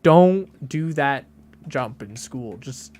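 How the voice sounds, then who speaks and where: This late-teens game streamer chats casually on his live stream at a slow pace and medium pitch. His delivery stays deadpan and flat even when he's joking, and he rambles with lots of fillers and restarts.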